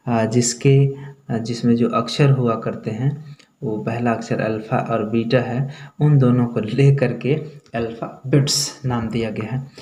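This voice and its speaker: A man teaching English pronunciation, speaking slowly and repeating each sound, often checking in with the viewer. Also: mid-range voice, mellow. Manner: slow, repeats sounds several times for the viewer. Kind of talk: pronunciation lesson. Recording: echoey room.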